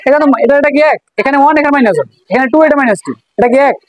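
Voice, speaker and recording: A woman's voice: high-pitched, lively intonation, racing, poor audio. A woman teacher with a Bangladeshi Bengali accent, leading a classroom math lesson, asking questions and repeating answers.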